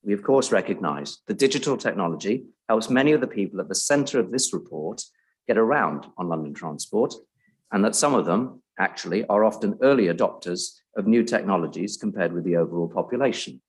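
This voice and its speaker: A man giving a measured, formal prepared speech at a public event, introducing a report. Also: lowish voice, expressive, slightly rough, rough recording.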